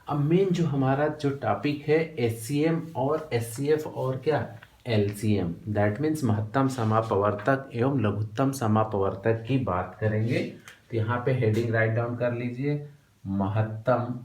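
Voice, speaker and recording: A man's voice: mid-range voice, a little mellow. An Indian man teaching a maths lesson, dictating notes word by word and asking questions he answers himself. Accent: Hindi, from India. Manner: slow dictation, repeating words one by one; asks questions then answers them himself. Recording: echoey room, faint background noise.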